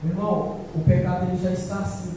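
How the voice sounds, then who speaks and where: A man preaching a sermon as presbyter, urgently repeating his warnings and calling out to "my brother", swinging between loud pleading bursts and quiet low warnings. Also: little pitch movement, fast talker. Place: church hall. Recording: echoey church hall picked up from far off, faint noise.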